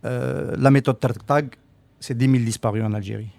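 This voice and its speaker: A man's voice: mid-range voice, steady tone, normal speed, creaky, darkish tone, no echo. A man from Algeria on a radio panel discussion, hesitant and full of repeated words and fillers.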